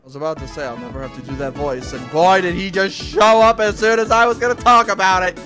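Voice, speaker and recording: A man's voice: high voice, fast. Joking man chatting during a co-op game. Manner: joking, offhand. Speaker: let's play player. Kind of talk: casual co-op game chat. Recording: game music behind.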